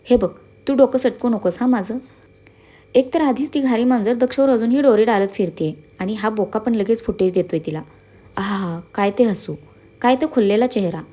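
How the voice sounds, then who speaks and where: Woman doing a grumbling, sharp-tongued young woman. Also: fairly high pitch, normal speed, natural voice. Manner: grumbling, sarcastic.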